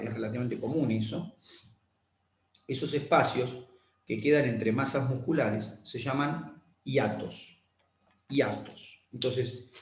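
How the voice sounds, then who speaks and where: A man lecturing on anatomy, explaining slowly, repeating key terms and often checking that students follow. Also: medium pitch, vocal fry. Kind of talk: classroom lecture with drawing demonstrations. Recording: echoey room.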